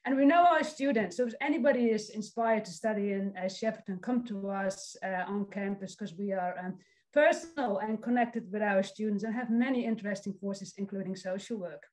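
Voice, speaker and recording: In a medium-pitched, brisk and slightly mellow voice, a Dutch-accented social work lecturer in her forties from the Netherlands presents online to a youth summit via video call. Friendly and encouraging, she reads out comments from the audience, though the audio is poor.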